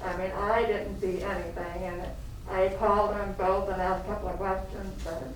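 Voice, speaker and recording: A woman's voice: medium pitch, level tone, moderate pace. A woman explaining things informally to a board as its administrator. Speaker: health department administrator reporting to board. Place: meeting room, picked up from a distance. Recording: very echoey room, distant mic, faint noise.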